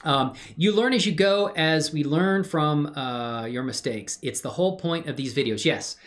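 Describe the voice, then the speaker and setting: A slightly high-voiced man at a moderate pace hosts a relaxed livestream, gushing over viewers in playful slang. While showing his hobby 3D animation work on screen, he mutters and rambles along.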